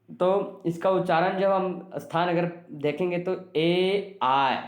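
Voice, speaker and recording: A man's voice: on the high side, darkish tone, reverberant. A male teacher giving an exam-prep grammar lesson, asking and answering his own questions with frequent "ठीक है".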